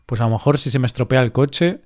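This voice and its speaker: A man from co-hosting a casual podcast for language learners, talking slowly and clearly and laughing often. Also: mid-range voice, a little mellow. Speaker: podcast co-host.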